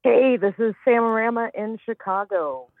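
A man's voice: high voice, moderate pace, no room sound. A man calling in to a radio show over the phone, hesitant and stumbling over his words. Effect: phone line call-in. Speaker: caller. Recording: tinny phone line.

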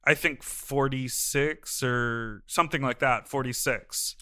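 A man's voice: medium pitch, steady tone, slow pace, sharp tone. A man in his thirties co-hosting a podcast in casual chat, campy and exclaiming. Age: 30s. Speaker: podcast co-host.

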